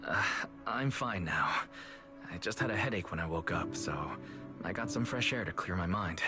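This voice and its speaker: A man voicing a calm, considerate young male proxy in a game cutscene, gentle in manner. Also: low-pitched, normal speed. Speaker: game protagonist. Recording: game cutscene voice over music.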